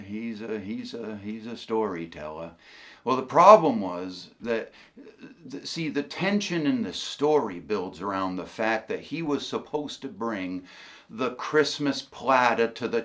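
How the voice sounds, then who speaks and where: A man from Maine with a Maine accent tells comic stories in a folksy, halting way, repeating himself and using local expressions. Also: lowish voice, expressive, bright, forceful tone. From Maine, New England. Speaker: humorous storyteller and video host.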